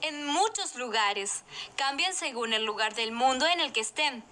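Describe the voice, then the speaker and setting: A woman's voice: sits high, animated, a little slow, pushed and bright, exaggerated voice. A woman playing a knowledgeable guide who explains nature to a child in a scripted educational video. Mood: patient, explanatory. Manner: explanatory, clearly phrased.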